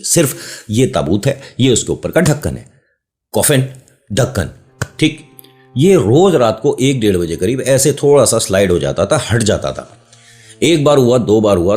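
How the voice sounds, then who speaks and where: A man's voice: on the low side, a little mellow. A man casually telling a horror story, breaking off often to joke with his listeners. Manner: chatty, joking asides to listeners, playful digressions. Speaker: storyteller host.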